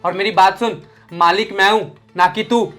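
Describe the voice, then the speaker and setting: A man's voice: high voice, steady tone, normal speed, fairly bright tone, soft background music. A young man playing an arrogant employer who harshly and contemptuously scolds his maid. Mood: angry scolding. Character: arrogant young male boss, short-tempered. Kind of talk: short film acting.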